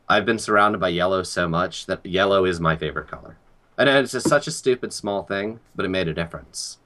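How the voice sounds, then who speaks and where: A young man talking calmly and earnestly about life and worry in a casual chat. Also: low-pitched. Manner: calm, earnest, reflective. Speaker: guest.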